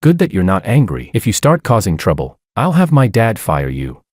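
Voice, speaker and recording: A furious young bride in an audiobook, demanding answers and throwing accusations, read in a man's own deep voice. Her lines swing widely in pitch and sound close and dry. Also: huge pitch swings, normal speed, a little mellow, no echo. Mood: defiant. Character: angry defensive young bride.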